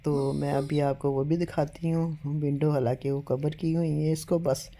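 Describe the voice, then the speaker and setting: Older woman, home vlogger, unwell and weak, earnest storytelling, warm mellow voice, phone mic. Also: sits low, steady tone. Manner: earnest, repeats appeals to believe her. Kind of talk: casual storytelling to camera.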